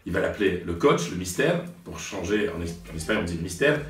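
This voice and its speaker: Deep-voiced French man telling stories. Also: lively intonation, a little fast, a bit bright. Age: 40s. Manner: hesitant, many fillers and restarts. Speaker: sports journalist. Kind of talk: reflective storytelling to camera. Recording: roomy sound from a distance, faint music.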